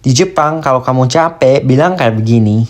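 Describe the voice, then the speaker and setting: A voice announcing each topic with short, flat prompt-style lines. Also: mid-range voice, moderate pace.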